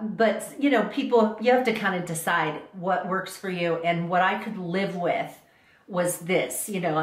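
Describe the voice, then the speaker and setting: A middle-aged woman vlogging casually to camera, chatty and rambling with frequent restarts. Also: fairly low pitch. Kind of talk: casual talking-to-camera vlog. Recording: echoey room.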